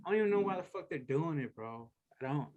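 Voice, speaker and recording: A man's voice: fairly high pitch, lively intonation, quick pace, narrow, tinny audio. A man co-hosting a podcast in laid-back, profane banter. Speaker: podcast co-host. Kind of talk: casual chat.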